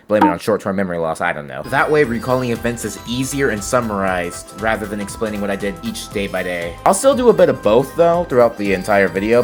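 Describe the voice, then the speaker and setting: A man from California, narrating a travel vlog in a rambling, excitable way and laughing often. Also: fairly low pitch. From California, USA. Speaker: travel vlogger.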